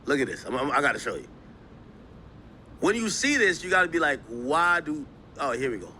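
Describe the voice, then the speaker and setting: Animated, bright-voiced male streamer. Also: on the high side, fast, a little hiss or hum. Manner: animated, emphatic, addresses chat directly. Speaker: streamer reacting to clips. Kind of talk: live stream commentary. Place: New York.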